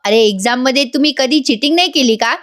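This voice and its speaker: A woman's voice: sits high, fast talker, natural voice. A woman voicing a cheeky young man who jokes with his friend, in a retold serial scene. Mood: teasing. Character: cheeky young male sidekick, joking.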